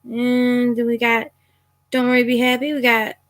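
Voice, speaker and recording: A woman's voice: on the high side, completely flat delivery, normal speed. A woman tarot reader chatting casually on a home livestream, rambling with ums and self-corrections. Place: at home at a computer. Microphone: phone or computer mic.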